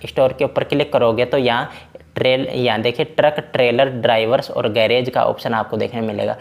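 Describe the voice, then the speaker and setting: A man talks the viewer through a truck game's menus in an easy, chatty tutorial manner, with fillers tumbling in. His voice sits at a middling pitch with a gravelly, creaky edge. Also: steady tone, brisk. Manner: chatty, repeats fillers like "na" and "bhai". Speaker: game tutorial creator. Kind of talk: casual screen-recorded game walkthrough.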